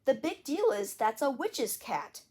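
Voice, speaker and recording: A woman reading aloud, voicing an excitable young boy. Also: sits high, unhurried, voice pushed up. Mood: excited.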